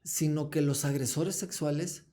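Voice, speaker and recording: Man, slightly high but dark, mellow tone; interview guest who explains patiently. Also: steady tone, normal speed. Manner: explanatory, acts out short dialogues with children. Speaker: guest, foundation founder. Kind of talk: earnest interview talk.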